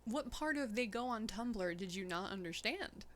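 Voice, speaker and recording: A woman's voice: medium pitch, lively intonation, moderate pace, fairly bright tone. Chatty, playful woman streamer. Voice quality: laughs often, playful and chatty. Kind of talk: casual gameplay chat.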